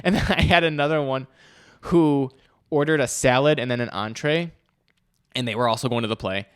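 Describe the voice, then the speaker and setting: Animated young man telling stories, dry sound. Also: normal speed, clear, resonant tone, dry recording. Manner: animated anecdotes, mimics customers in higher voices. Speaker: podcast co-host. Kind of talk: casual chat, storytelling.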